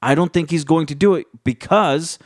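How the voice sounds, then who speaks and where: A man's voice: fairly high pitch, normal speed, no room sound, clean studio sound. Man giving casual, emphatic wrestling commentary. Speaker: wrestling fan video host.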